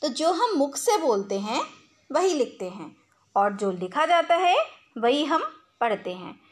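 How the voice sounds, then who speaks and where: A woman teacher giving a recorded school lesson, explaining each point, repeating it and asking questions that she answers herself. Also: sits high.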